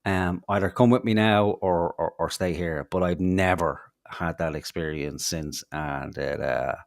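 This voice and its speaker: A man's voice: low voice, steady tone, a little slow, vocal fry, no echo, studio quality. A man, co-hosting a podcast, telling rambling stories in casual chat with lots of fillers, restarts and swearing. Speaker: podcast co-host.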